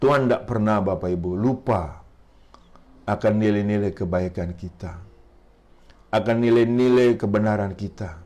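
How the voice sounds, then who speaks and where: A man's voice: lowish voice, normal speed, pauses often, dark tone. Emphatic middle-aged preacher man. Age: 50s. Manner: emphatic preaching, often addresses the congregation directly. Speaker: pastor. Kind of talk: sermon.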